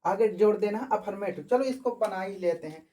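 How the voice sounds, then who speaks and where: A woman with a warm, mid-range voice teaches children an English grammar lesson, asking questions and answering them herself through slow, repetitive drilling.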